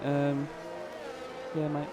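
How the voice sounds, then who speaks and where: A weary man with a fairly high voice commentates a sim race in a loose, chatty way, talking straight to drivers and viewers. His stream mic carries a clear layer of noise behind him. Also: completely flat delivery, very slow. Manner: laid-back, chatty, addresses viewers and drivers directly. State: tired. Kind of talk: live sim racing commentary.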